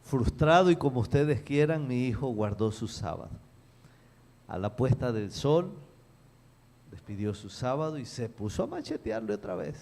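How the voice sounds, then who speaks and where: A middle-aged man, a pastor telling a story in a sermon with emphatic pauses and acted quotes. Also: mid-range voice, very animated, gravelly, a little mellow.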